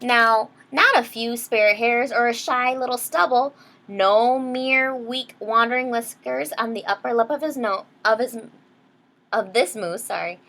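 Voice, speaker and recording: This teacher's voice runs on the high side, bright and forceful, at a measured pace. She reads a picture book aloud to young children, keeping explanations simple and asking questions to check in.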